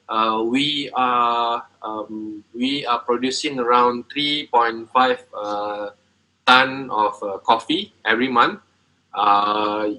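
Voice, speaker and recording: A man explains his business plans in a bright, forward voice. He pauses often and fills the gaps with "uh" and "um.". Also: mid-range voice, low-quality recording. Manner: hesitant, many filler sounds, halting phrasing. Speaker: coffee business owner presenting. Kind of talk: presentation and Q&A answers.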